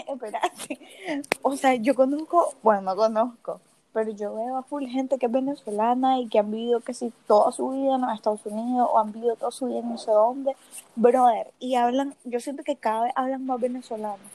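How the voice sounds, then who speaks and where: A woman co-hosting a podcast, excitable and teasing, cutting in bossily. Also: fairly high pitch, brisk, a little hiss or hum, rough recording. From Nicaragua. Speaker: podcast co-host. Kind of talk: casual chat.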